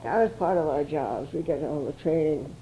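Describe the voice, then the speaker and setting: A woman's voice: deep voice, fairly quick, mellow, a little hiss or hum, low-quality recording. An older woman reminiscing chattily as an interviewee, with frequent restarts.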